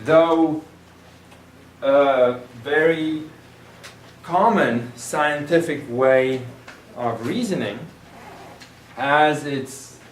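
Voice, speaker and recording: A man's voice: mid-range voice, slight background noise. A man teaching a math class, explaining reasoning patiently through examples and sometimes trailing off and restarting. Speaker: math instructor. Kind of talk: recorded classroom lecture. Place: classroom or lecture room. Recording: roomy lecture room, distant mic.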